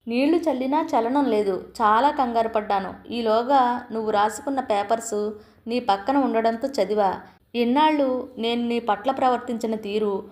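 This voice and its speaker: A woman's voice: on the high side, darkish tone, lightly acted. A woman voicing an older husband who pleads tearfully for his wife's forgiveness in an audio story.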